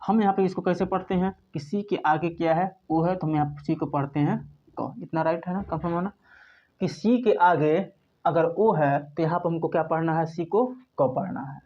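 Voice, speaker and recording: A man's voice: on the high side, normal speed. A male teacher from India speaks, explaining a lesson step by step. He repeats himself patiently and keeps posing questions that he then answers. The recording sounds dull and lo-fi. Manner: patient, repeats points, asks and answers his own questions. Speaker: English teacher. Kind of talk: spoken classroom lesson.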